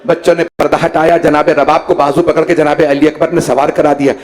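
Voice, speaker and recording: High-voiced man preaching a mourning sermon. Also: level tone, fairly quick. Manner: impassioned, climbing into shouted, wailing lament; dramatic, voices the pleas of the people in the story. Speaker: religious scholar reciting a mourning gathering. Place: mourning hall with a gathered audience.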